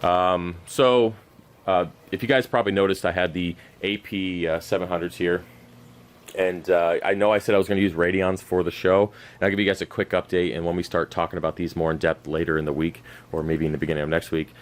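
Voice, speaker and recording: A worn-out aquarium channel host with a deep voice talks briskly in a level tone, though his throat is going scratchy and he is losing his voice. His unscripted update is loose and rambling, packed with fillers and restarts. He records on a camera mic while walking around his cluttered home fish room.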